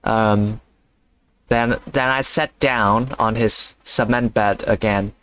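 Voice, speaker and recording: A man's voice: on the low side, fairly even intonation, slow pace, fairly bright tone, slight background noise. A man reading a novel aloud on his channel, stumbling over words and breaking off for casual commentary full of offhand swearing. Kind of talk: casual read-along with commentary.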